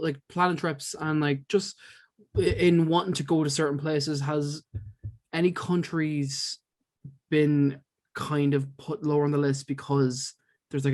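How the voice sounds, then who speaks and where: A man co-hosting an interview, asking questions casually and hesitantly with lots of "like". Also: on the high side.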